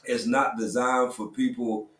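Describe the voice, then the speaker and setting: A man hosting a casual livestream, talking in a relaxed, conversational way with lots of quick affirmations. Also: medium pitch, recorded from a distance. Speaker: livestream host. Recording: roomy sound, a bit off-mic.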